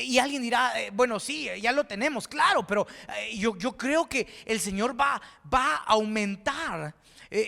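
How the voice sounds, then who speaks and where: A man's voice: very high voice, creaky, bright, forceful tone. A man from Guatemala preaching a sermon as pastor, fervent, with repeated words and restarts, rising to exclaim. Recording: reverberant hall.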